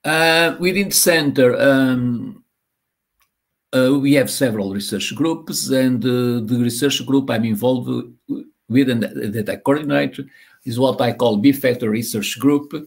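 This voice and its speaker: Over a video call from a home or office room, a guest university professor from Portugal, a man in his sixties, presents slides in an online lecture. His Portuguese-accented, medium-pitched voice has vocal fry, and his halting speech is full of fillers and repeated words, picked up by a laptop or webcam mic.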